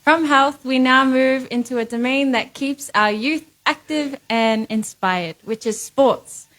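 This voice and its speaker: A woman's voice: high-pitched, measured pace, fairly bright tone. A woman acting as host of a pageant, introducing and thanking people in a formal event style.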